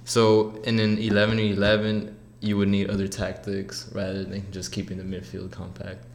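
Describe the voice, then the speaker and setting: Young man in his twenties, low voice, flat delivery, relaxed, rambling, faint background hum. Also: normal speed, gravelly. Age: 20s. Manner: relaxed, rambling, laughs easily. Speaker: guest, college soccer player. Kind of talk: casual interview chat.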